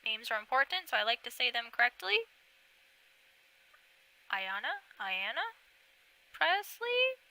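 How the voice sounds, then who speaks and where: A young woman streaming live, chatting casually into a desk mic, reading names aloud and thinking out loud about each one. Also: high voice, sing-song, a little fast, rough recording. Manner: chatty, thinks aloud, reads a list of names and checks her pronunciation. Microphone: desk microphone.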